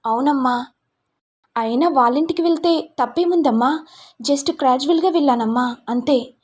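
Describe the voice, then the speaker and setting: A woman's voice: sits high, moderate pace, darkish tone, voice pushed up, lightly acted. A woman voicing a timid, trusting young daughter who answers hesitantly and pleadingly, in a storytelling recap. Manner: hesitant, pleading, ends lines with "amma".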